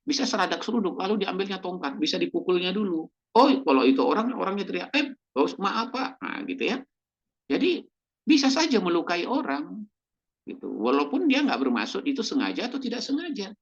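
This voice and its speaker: A male pastor delivers a sermon in a husky voice that rises and falls in animated swings. He keeps checking in with the congregation and briefly acts out quoted lines. The recording sounds dull and muffled. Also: sits high, brisk.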